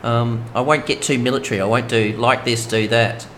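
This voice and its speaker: Brief: Aussie male streamer, talkative with lots of fillers, mid pitch, noisy mic audio. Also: steady tone, moderate pace, fairly bright tone. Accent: Australian. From Australia. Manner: chatty, rambling, many fillers. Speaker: game streamer. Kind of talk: casual let's-play commentary.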